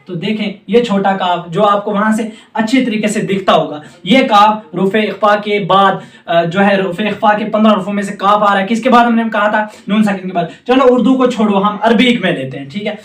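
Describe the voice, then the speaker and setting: A man from Jammu and Kashmir with a high, light voice gives a tajweed lesson at a board, patiently drilling each sound slowly and often telling students to remember. The room is echoey and he stands away from the mic.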